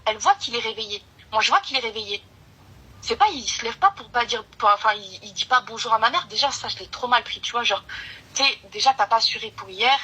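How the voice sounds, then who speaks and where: A woman's voice: on the high side, pushed and bright, husky, rough recording. A young woman telling a personal story in casual, slangy conversation, rambling and restarting as she goes. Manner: rambling, urgent slangy retelling with many restarts.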